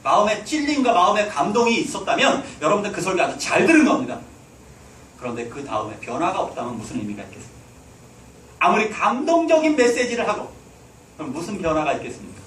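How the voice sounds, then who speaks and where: Speaking quickly and with great animation, this pastor's high, somewhat bright voice urges on his congregation in the sanctuary as he fires rhetorical questions at the hall. Captured by a distant mic, the echoey room carries a faint hiss or hum.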